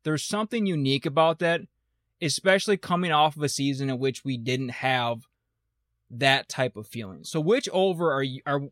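A man's voice: mid-range voice, expressive, normal speed, a bit bright, dry recording, clean studio sound. A man co-hosting a casual sports betting podcast, blunt and teasing, with wry sarcastic jabs at his partner. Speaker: podcast co-host.

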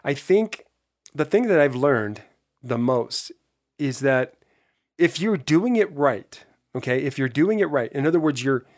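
A man with a hoarse voice giving an earnest, emphatic motivational podcast monologue, talking straight to listeners. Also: mid-range voice, lively intonation, measured pace. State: hoarse voice from being run down. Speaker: podcast host.

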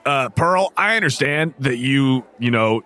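A man's voice: medium pitch, expressive, sharp tone. A man voicing a protective father who is a sea captain, reasoning sternly with his daughter. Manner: stern, reasoning, with quick laughs. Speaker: game master voicing a character.

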